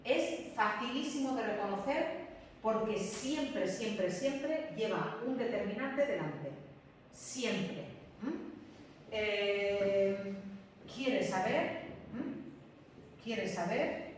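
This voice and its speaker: A woman's voice: mid-range voice, expressive, drawn-out words, long pauses. A woman teacher explaining a grammar rule to a class. She repeats each rule and keeps checking that her students follow. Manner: repeats key rules, checks understanding with frequent "¿m?". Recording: echoey classroom from far off, faint room noise.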